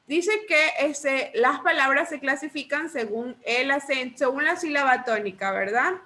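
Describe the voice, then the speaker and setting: A woman teacher with a high, bright voice runs a remedial lesson. She patiently quizzes her students with the same questions again and again, then spells out each rule slowly and deliberately. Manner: slow deliberate dictation of rules. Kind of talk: online remedial class.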